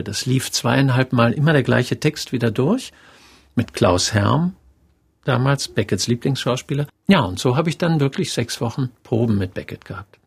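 A man's voice: mid-range voice, vocal fry, husky. A man in his sixties, a theater director, reflecting thoughtfully and telling stories in an interview. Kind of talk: radio interview.

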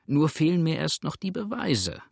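A man voicing a cautious justice of the peace who speaks in an earnest, measured way. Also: a little high, sing-song, creaky, dry recording, studio quality, voice pushed up, heavily acted. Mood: reassuring.

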